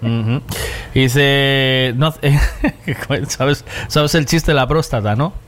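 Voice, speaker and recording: A man's voice: mid-range voice, slow, a bit bright. Guy hosting a chatty radio show, always joking around. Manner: jokey, laughs often. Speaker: radio host. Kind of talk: casual radio chat.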